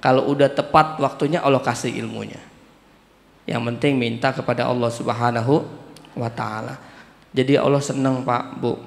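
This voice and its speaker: A man preaching a casual, joking mosque sermon in colloquial Jakarta-style slang, with lively acted asides. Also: mid-range voice, moderate pace, creaky, roomy sound, big-room sound. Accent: Jakarta colloquial Indonesian. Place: mosque hall.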